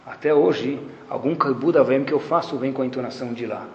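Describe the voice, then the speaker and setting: A man with a Brazilian Portuguese accent giving a lively religious lesson to a group, acting out quoted speech along the way. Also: medium pitch, brisk, muffled recording, a little hiss or hum. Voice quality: animated, acts out quoted speech with Hebrew terms. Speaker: Torah teacher. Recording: echoey hall.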